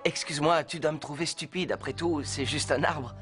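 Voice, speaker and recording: A man voicing a shy, gentle teenage boy in a cartoon dub, hesitant and soft-spoken. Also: a little high, fairly quick, faint music behind, natural voice.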